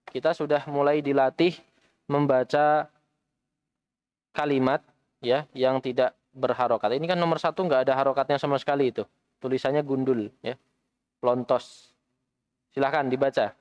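A man's voice: medium pitch, fairly even intonation, moderate pace, pauses often, dry recording, dull audio. A man teaching an Arabic language class in a mosque, patiently repeating students' answers and correcting them. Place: mosque study session.

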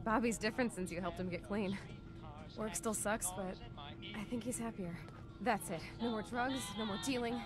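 Over game music, a woman voices a weary, tough young vault dweller in video game dialogue, blunt and informal as a protective sister. She sounds relieved and determined, speaking at normal speed in a natural, mid-range voice.

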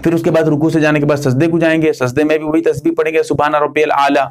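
A male Islamic scholar teaches religious practice with an earnest, emphatic delivery. His voice sits notably high for a man. He goes through each step in turn and comes back to the key warnings again and again. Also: little pitch movement. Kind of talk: religious instruction.

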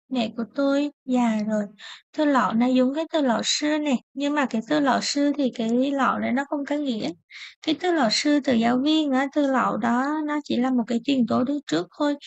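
A young woman teaches an online language lesson, patient and methodical. Her voice sits high with a gravelly edge. The sound is dry and a little dull. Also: dry recording. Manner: patient, explains step by step, repeats words slowly.

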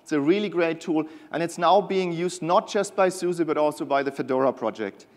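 Keynote man on a reverberant stage. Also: on the high side. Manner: enthusiastic, slightly halting with fillers. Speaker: keynote presenter, product manager. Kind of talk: conference keynote with scripted banter. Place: large conference hall stage. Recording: long hall reverb.

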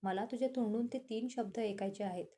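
A woman's voice: on the high side, a little fast, mellow, close to an everyday voice. A woman reading the lines of an intense, possessive young man in a storybook tale, firm and insistent.

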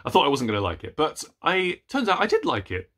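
A book vlogger in his thirties chats casually to camera from a small room at home lined with bookshelves. He's playful, rambling and animated, with self-deprecating asides, and his voice is on the high side and fast.

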